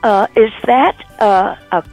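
A woman's voice: mid-range voice, takes it slowly, a little mellow, soft background music. An older woman on a phone call, confused at first, then laughing and playing along. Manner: bewildered, laughs easily. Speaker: prank call target. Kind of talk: phone conversation. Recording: muffled phone line.

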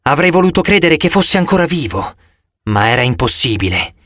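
A man narrating an audiobook in the first person with a dramatic, expressive reading. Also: fairly high pitch, brisk, no room sound, clean studio sound.

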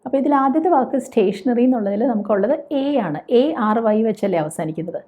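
A woman's voice: mid-range voice, lively intonation, quick pace, warm tone. A woman teaching a spoken English lesson, patiently explaining and asking questions before answering them. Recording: tinny phone-like sound.

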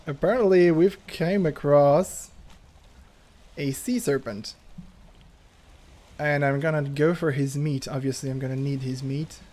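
A man giving excitable let's play commentary, laughing and talking to himself as he plays. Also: fairly high pitch, slow pace, long pauses. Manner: excitable, laughs, talks to himself while playing. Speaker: gaming YouTuber. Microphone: headphones on, desk mic.

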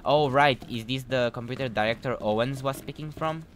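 A man's voice: mid-range voice, normal speed, a bit bright. Chatty young man narrating his gameplay, noisy mic. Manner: chatty, self-mocking, reads in-game notes aloud. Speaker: gameplay commentator. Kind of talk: let's play commentary.

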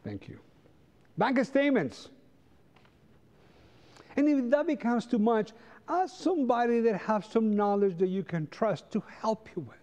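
A middle-aged Costa Rican man, a native Spanish speaker with a Costa Rican accent, teaches a Sabbath school lesson to a congregation, standing before the pews of a large church sanctuary. His voice is very high-pitched, animated and a little mellow, a bit slow with long pauses, and he keeps it conversational with rhetorical questions.

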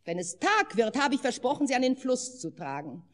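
A woman voicing a grieving, excitable old peasant wife in a fairy-tale reading, tearful and wailing. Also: a little high, long reverb tail, pitched above the performer's own voice. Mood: indignant. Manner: wailing and indignant, rushing in complaint.

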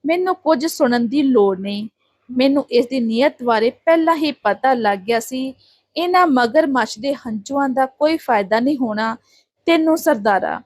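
A woman's voice: high voice, animated, normal speed, darkish tone, dry recording. A woman voicing a fierce, protective adoptive mother who defiantly refuses.

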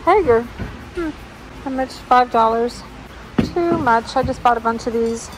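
Browsing a big warehouse-style thrift store, a woman who resells thrift finds keeps up a chatty running commentary for her vlog, thinking out loud as she goes. Her fairly high voice moves a little slowly. The handheld phone aimed at the shelves also catches a noisy background.

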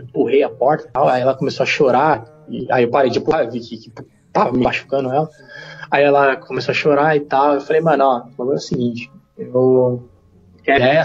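A man who is a podcast guest, telling a personal story in a casual, slangy and animated way. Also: medium pitch, dull audio. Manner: slangy, rapid, animated retelling.

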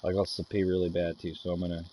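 A man's voice: low voice, level tone, fast, warm tone. A young man chatting casually over a headset mic while gaming, laughing often and swearing casually. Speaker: gamer in party chat.

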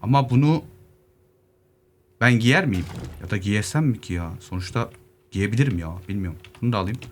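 Young male gamer, playful running commentary with wide pitch swings, faint keyboard typing behind. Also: a little fast. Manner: lively, joking asides to zombies, muttering while looting. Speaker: gaming YouTuber. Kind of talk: casual solo gameplay commentary. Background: keyboard clicks, faint noise.

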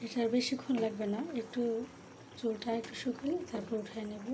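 A woman talking softly while she cooks at home, narrating each step for her viewers. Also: a little high, fairly even intonation, brisk. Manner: speaks softly so a sleeping child stays asleep. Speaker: cooking vlogger. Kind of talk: casual cooking narration. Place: home kitchen. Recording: noisy kitchen ambience.

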